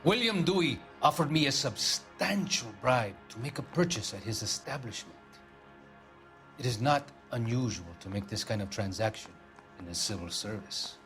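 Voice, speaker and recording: A man's voice: mid-range voice, lively intonation, normal speed, fairly bright tone, soft background music, natural voice. A man playing a haughty, pompous Argentine diplomat, formal and easily offended, in a crime drama video game. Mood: disdainful.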